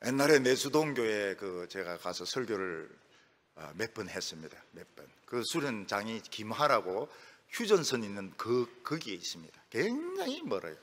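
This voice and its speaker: A middle-aged male pastor preaching a sermon in a lively, storytelling way, acting out the voices of people he quotes. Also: lowish voice, normal speed. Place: church sanctuary. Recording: long reverb of a church hall.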